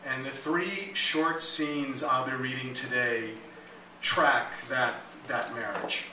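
A man reading his own novel aloud at a live club event, with dry, deadpan asides. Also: medium pitch, slow pace, background noise. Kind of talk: live comic fiction reading. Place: small music club. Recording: echoey club, mic at a distance.

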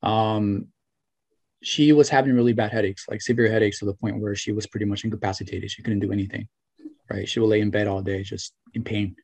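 A former student appears as a guest on a casual video call interview, speaking into a laptop or webcam mic from a small room at home. His lowish, darkish voice is brisk and fairly even with a breathy edge. Earnest and grateful, he uses lots of fillers like "you know" and "right," and the sound is dry and close with no room echo.

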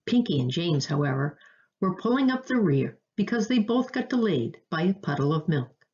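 A woman reads a children's storybook aloud with expressive storytelling. Her voice sits low, yet the pitch swings widely. The recording has a dull, lo-fi sound. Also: moderate pace. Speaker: narrator.

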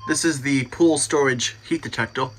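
A man's voice: mid-range voice, normal speed, noisy background. A man giving a casual, technical walkthrough in a matter-of-fact way, recorded on a handheld phone around a home garage. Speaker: hobbyist demonstrator. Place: home garage and adjoining rooms, handheld camera.

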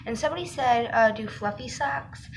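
A woman's voice: fairly high pitch, normal speed, a little hiss or hum, poor audio. A woman vlogging in a rambling, giggly way, chatting casually to camera and correcting herself as she goes.

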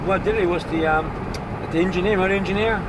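A man narrating casually from a moving car, rambling and halting with many fillers. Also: high-pitched. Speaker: vlogger. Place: inside a moving car on a country road. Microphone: handheld phone camera. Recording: loud car road noise. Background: loud road and engine noise.

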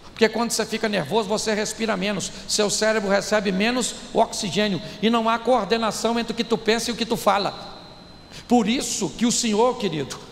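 A man preaching with humor to a live audience, animated and jokey, talking straight to the crowd. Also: high-pitched, vocal fry. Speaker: preacher, speaker. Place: large hall. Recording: echoey hall, faint background noise.

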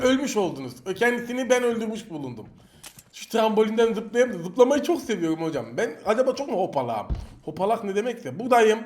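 A young man commenting on a mobile shooter game as he plays, teasing enemies with playful trash talk and sudden excited outbursts. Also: very high-pitched, background noise. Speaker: mobile shooter gameplay streamer. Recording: home mic with loud game gunfire behind.

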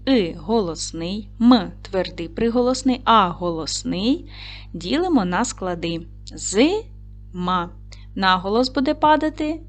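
A woman teaching a video lesson to young children, slow, patient and encouraging, reading word lists with a Ukrainian accent. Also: medium pitch. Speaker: primary school teacher.

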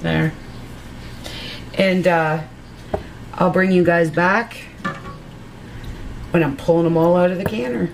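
A woman's voice: lowish voice, fairly even intonation, slow pace, creaky, pauses often. Chatty woman in a noisy kitchen. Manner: chatty, instructive, addresses viewers as guys. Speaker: home canning vlogger. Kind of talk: casual how-to vlog. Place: home kitchen with electric glass-top stove. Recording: noisy kitchen with hissing steam. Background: steam and cooking sounds from a pressure canner.

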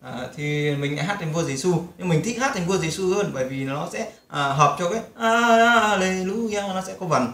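A man's voice: sits high, moderate pace, hardly any pauses. A man giving a casual guitar lesson, explaining chords and strumming and breaking into hymn lines. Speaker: guitar teacher. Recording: roomy sound with loud guitar. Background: loud guitar playing.

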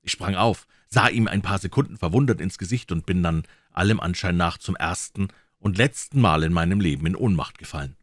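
A man's voice: deep voice, a little fast, few pauses, no room sound, studio quality. A man narrating a classic detective story as an audiobook reader. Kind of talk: scripted narration.

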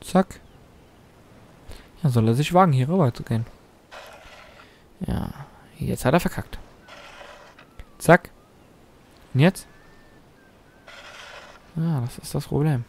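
A young man casually commenting on his gameplay, excitable, taunting and swearing at the game's characters. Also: a little high, slow, vocal fry, long pauses. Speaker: let's play host.

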